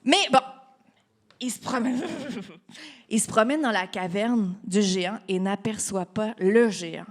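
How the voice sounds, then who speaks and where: Québécois lady reading a kids' story, playful, asks the kids stuff, talks slow. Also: mid-range voice. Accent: Québécois French. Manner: playful, asks the children questions, laughs often. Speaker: storytime reader. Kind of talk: children's storytime reading with asides to the audience.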